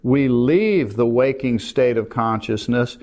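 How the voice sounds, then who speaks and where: An older man teaching meditation, explaining calmly and gently while pointing to a diagram. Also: medium pitch, slow pace, vocal fry. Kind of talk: calm spoken lesson.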